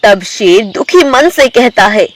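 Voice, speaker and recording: Slow, lilting woman storyteller. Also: on the high side, animated. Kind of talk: scripted narration of a children's story.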